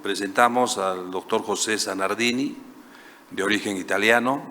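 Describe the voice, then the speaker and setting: A man moderating a conference panel, introducing the next speaker with hesitant pauses and fillers. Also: on the low side, pushed and bright. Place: large conference hall. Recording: reverberant conference hall.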